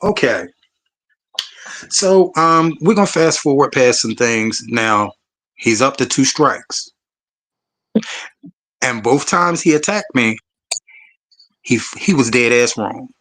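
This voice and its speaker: A man's voice: mid-range voice, animated, slow pace, long pauses, fairly bright tone. Man telling a story, emphatic and profane. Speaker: panelist. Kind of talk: candid storytelling on a panel.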